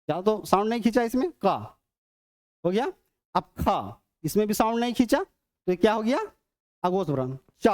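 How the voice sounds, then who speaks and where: Classroom teacher, mid pitch, repetitive question-and-answer style, slow drawn-out letters. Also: a little mellow. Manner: repeats, asks and answers own questions; sounds out letters slowly and drawn out. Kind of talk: demo class on phonetics.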